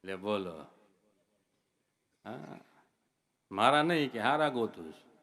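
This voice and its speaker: A man's voice: fairly low pitch, animated, slow pace, fairly bright tone. Man, humorous folk storyteller, addresses devotees. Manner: folksy joke-telling, addresses listeners as devotees. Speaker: comic speaker at a religious gathering.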